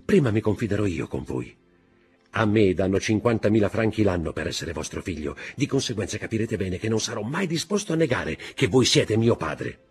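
A man's voice: on the low side, animated, a little fast, breathy edge, faint music behind, voice pushed up. A man voicing a scheming young man who poses as a noble son, sly and ingratiating.

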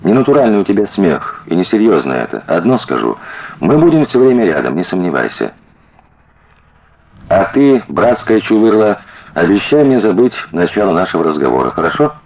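A man's voice: deep voice, big pitch swings, moderate pace, exaggerated voice. A man reading an audiobook and voicing an earnest, fervent young male detective who speaks plainly to the woman he loves. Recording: dull lo-fi audiobook recording.

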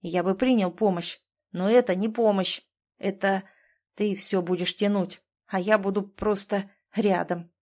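A woman reading an audiobook and voicing a stubborn, proud man who speaks in a low, hollow, guarded tone. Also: fairly even intonation, a little slow, a little mellow, natural voice. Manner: clipped, tense and reluctant. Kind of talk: audiobook character voice.

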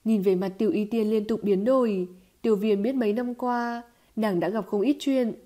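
A woman giving scripted audiobook narration of a novel in an even, steady storytelling manner. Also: medium pitch, moderate pace.

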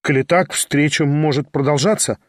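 A man voicing a reserved, compassionate second, speaking with measured effort. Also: on the high side, no room sound, studio quality, close to an everyday voice.

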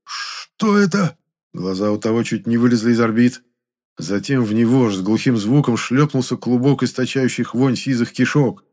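A man reading a first-person fantasy audiobook in steady, even storytelling. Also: mid-range voice, normal speed. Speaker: audiobook narrator.

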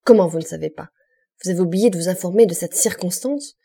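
A woman's voice: fairly low pitch, quick pace, creaky, warm tone, slightly rough. A woman reading an imperious old king. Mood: indignant. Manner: commanding, indignant.

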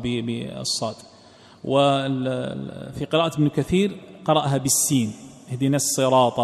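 A man teaching a text line by line, repeating phrases and trailing off into a low murmur at the ends of sentences. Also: gravelly. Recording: long hall reverb.

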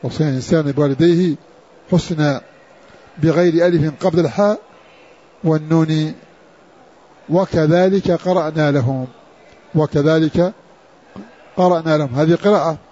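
A man gives a slow, measured lesson on the spelling of the Quran. He repeats each key word to drive it home, and his voice is fairly high but soft and husky. The recording sounds dull and lo-fi. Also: steady tone. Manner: measured, repeats words for emphasis. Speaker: Quran orthography teacher.

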